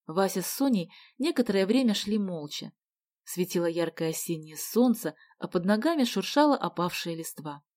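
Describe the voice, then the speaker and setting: A woman narrating a children's story in an expressive way. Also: on the low side, normal speed. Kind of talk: audiobook narration.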